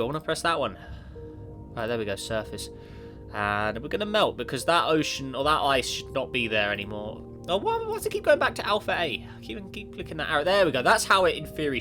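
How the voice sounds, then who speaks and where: Here a gaming YouTuber with a mid-range voice plays a space simulation while nursing a cold. His casual commentary is sniffly and rambling, full of self-corrections and remarks aimed at the game, with background music heard clearly.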